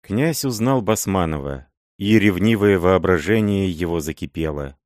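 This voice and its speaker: A man narrating a literary audiobook in a measured, even storytelling manner. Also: low-pitched, no room sound, clean studio sound.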